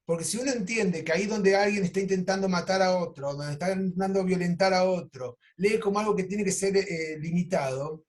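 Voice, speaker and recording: Animated Argentine man, high voice. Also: fairly quick, few pauses. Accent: Argentine Spanish. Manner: animated storytelling, acts out quoted lines. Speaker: psychoanalyst teaching an online course. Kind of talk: lecture with clinical anecdotes.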